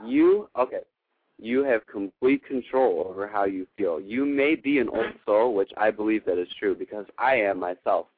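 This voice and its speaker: A husky, lowish male voice at normal speed, with no room sound, belongs to a radio host advising callers. He is earnest, affirming, and emphatic, coaching them in a spiritual style, and the sound is narrow and phone-like.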